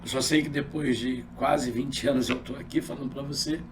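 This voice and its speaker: Um pastor de meia-idade, homem com sotaque carioca, contando seu testemunho numa entrevista de forma animada e dramatizando os diálogos. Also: male voice, medium pitch, moderate pace, recorded from a distance, slight background noise. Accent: carioca Brazilian Portuguese. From Rio de Janeiro. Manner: animated storyteller, acts out dialogue. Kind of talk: personal testimony in an interview.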